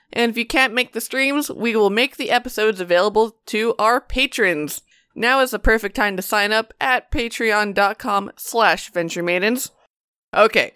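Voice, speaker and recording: A woman's voice: mid-range voice, fairly bright tone, smooth, dry recording, clean studio sound. A woman hosting a gaming podcast with playful, theatrical emphasis in her announcements and banter. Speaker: podcast host and player. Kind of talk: upbeat podcast announcements and recap.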